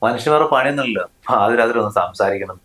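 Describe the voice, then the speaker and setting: A man's voice: mid-range voice, expressive, rapid-fire, a bit bright, natural voice. An actor playing a scornful young husband who snaps at his wife in a family short film. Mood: angry. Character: harsh money-proud young husband.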